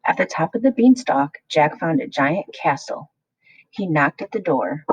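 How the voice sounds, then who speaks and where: A woman reading a children's picture book aloud, expressive and addressing young listeners. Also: low-pitched, husky, dry recording, highs cut off. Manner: slow, expressive, plays along with listeners. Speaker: children's storyteller.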